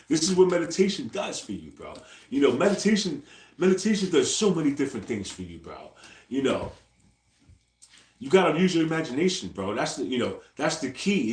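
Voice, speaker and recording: A man's voice: mid-range voice, sing-song, fairly quick, darkish tone. Slangy forties man saying "bro" nonstop. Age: 40s. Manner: loose slangy talk, ends nearly every phrase with "bro"; repeats himself, talks straight to his viewers. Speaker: livestreamer. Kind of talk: casual live-stream chat. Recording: echoey room.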